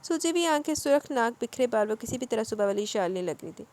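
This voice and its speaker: A woman narrating a romance novel as an audiobook. She reads quickly and dramatically, with a fairly high voice. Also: expressive, darkish tone.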